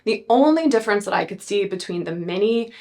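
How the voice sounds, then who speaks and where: A woman's voice: mid-range voice, expressive, a little fast, a little mellow. A woman in her thirties chatting casually through a beauty product review, rambling with fillers and self-corrections. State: a bit out of breath. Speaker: beauty vlogger.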